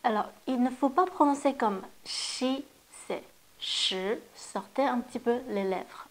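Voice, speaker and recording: A woman's voice: fairly high pitch, a little mellow. A woman teaching a language lesson, carefully modeling sounds and explaining them step by step. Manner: slow, careful modeling of pronunciation. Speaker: Chinese teacher. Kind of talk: classroom lesson.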